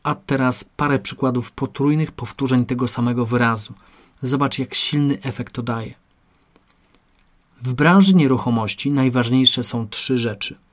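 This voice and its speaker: A man's voice: mid-range voice, normal speed. Man reading a rhetoric lesson. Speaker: narrator. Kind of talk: scripted audiobook narration.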